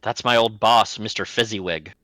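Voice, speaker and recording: A man's voice: fairly low pitch, moderate pace, sharp tone, no room sound, low-quality recording. A man voicing young Scrooge, a lonely orphaned gnome, in a tabletop game, answering plainly and matter-of-factly.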